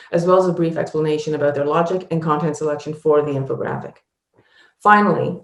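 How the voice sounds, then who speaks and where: A woman's voice: low voice, vocal fry, a little mellow, echoey room. A woman narrating a scripted presentation as one of its presenters.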